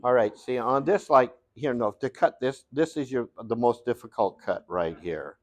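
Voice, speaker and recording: A man's voice: mid-range voice, expressive, moderate pace, dry recording. A man teaching glass cutting in a studio workshop, talking in a folksy, rambling way as he thinks aloud through a hands-on demonstration.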